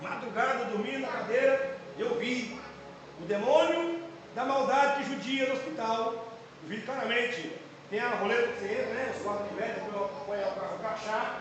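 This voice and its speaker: High-voiced Brazilian pastor preaching in echoey hall. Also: male voice, moderate pace, music in the background. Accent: Brazilian Portuguese. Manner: emotional testimony, swings from soft to shouted. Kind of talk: sermon. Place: church hall.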